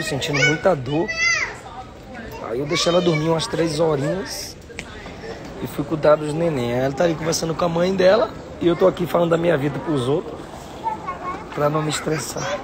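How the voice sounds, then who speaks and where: A Brazilian pastor vlogging a trip in a busy airport, chatty and exasperated, often laughing. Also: male voice, a little high. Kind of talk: casual travel vlog to camera.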